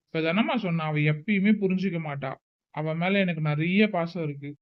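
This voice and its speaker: A man's voice: a little high, brisk, natural voice. A man playing a strict, protective older brother who scolds his sister with a raised voice. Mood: explaining, defensive. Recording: tinny phone-like recording.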